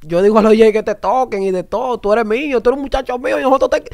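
A young man with a high voice talks fast through his stories. He copies other singers' styles to make his point. He sounds like a guest on a casual radio interview. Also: creaky. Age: young adult. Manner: animated storyteller, imitates singing styles. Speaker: music artist guest.

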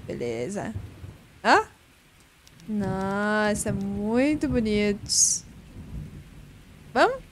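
A young woman doing casual let's-play commentary, laughing nervously and shouting when startled. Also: medium pitch, big pitch swings, very slow, long pauses, slight background noise. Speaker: gaming streamer.

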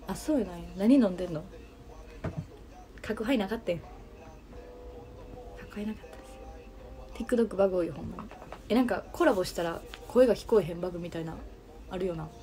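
A woman's voice: fairly low pitch, mellow. A young woman with a Kansai Japanese accent hosting a casual livestream, chatting and answering viewer comments. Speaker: livestream host.

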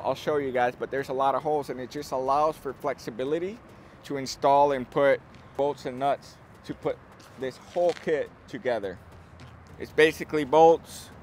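A construction company presenter in his thirties, speaking at medium pitch, gives an unscripted tour of an open steel-frame building site, explaining things informally and often rephrasing. The outdoor recording is clear, with site and vehicle noise around him.

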